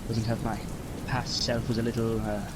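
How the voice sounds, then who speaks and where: An actor playing an enigmatic, grieving alien time traveler and mentor in an audio drama, with a theatrical, grandiose way of speaking. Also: male voice, on the low side, monotone, normal speed, very noisy, close to an everyday voice. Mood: mournful, guilty.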